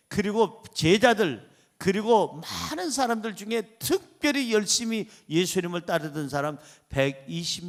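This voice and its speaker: Pastor, male, high-pitched, lively delivery that drops to hushed asides; poses questions to the congregation. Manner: animated, swings between loud emphasis and soft asides; asks the congregation rhetorical questions. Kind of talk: sermon.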